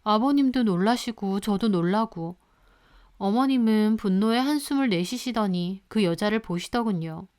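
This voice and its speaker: Clear-voiced woman narrating a story. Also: mid-range voice, normal speed, darkish tone. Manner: confiding first-person telling.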